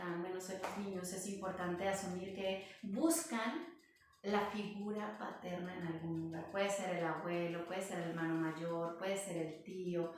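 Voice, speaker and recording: A woman guest explaining in an interview, in an explanatory, storytelling manner. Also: medium pitch. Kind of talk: interview talk. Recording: echoey room from far off.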